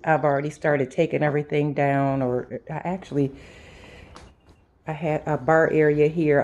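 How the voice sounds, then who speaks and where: A home and lifestyle vlogger with a low-pitched, dark-toned voice chats casually with viewers on a house tour, walking between rooms and the sun porch inside her house. Her talk is halting and unscripted, often circling back on itself.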